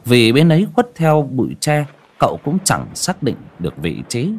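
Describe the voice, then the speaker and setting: Husky man narrating a folk tale. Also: medium pitch, moderate pace. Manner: expressive, dramatic reading. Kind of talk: audiobook storytelling.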